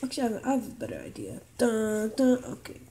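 A woman giving casual, rambling commentary over a gameplay video, excitable and full of quick exclamations. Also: a little high, slight background noise.

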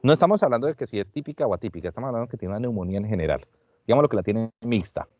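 A man lectures medical students over a video call, pressing them with questions and repeating words for emphasis. His voice sits low and sounds dry and close. The call audio is dull and lo-fi. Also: lively intonation, very fast, a little mellow, no room sound. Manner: questioning, repeats phrases, calls on students by name. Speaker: doctor teaching a class. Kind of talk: online class lecture. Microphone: computer mic on a video call.

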